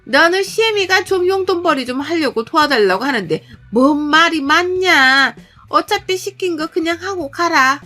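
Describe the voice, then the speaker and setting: A woman's voice: extremely high pitch, lively intonation, normal speed, pushed and bright, pitched above the performer's own voice, exaggerated voice. A woman voicing a nagging, scolding older mother-in-law who makes harsh demands.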